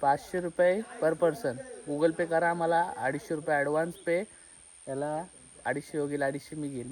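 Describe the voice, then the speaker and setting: A man chatting and joking through a casual travel vlog by the sea, filmed on a handheld phone. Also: on the high side. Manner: chatty, joking, switching between Hindi and Marathi. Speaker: vlogger. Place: outdoors by the sea. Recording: noisy outdoor phone recording.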